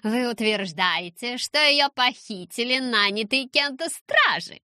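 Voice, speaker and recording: A woman's voice: on the high side, expressive, a little slow, pushed and bright, dry recording, voice pushed up. A woman reading the lines of a stern older headmistress who doubts what she hears, in a dry, close recording. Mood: doubting. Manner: doubting, lecturing.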